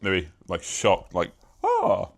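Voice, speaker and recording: A man's voice: fairly low pitch, expressive, moderate pace. A young British man talking casually to the camera in a vlog, rambling and self-mocking, with casual swearing. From Britain. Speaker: YouTuber.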